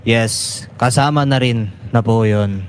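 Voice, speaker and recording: Wrapping up his internet radio talk show, a man in his twenties with a Filipino accent chats in a loose, rambling, informal way, sprinkling in English phrases. He speaks slowly at a medium pitch, with slight background noise.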